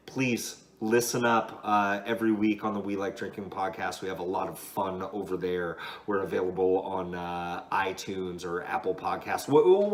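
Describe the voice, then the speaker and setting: A man hosting a wine vlog, tasting and reviewing wines in a relaxed, rambling way with frequent ums and uhs. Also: sits low.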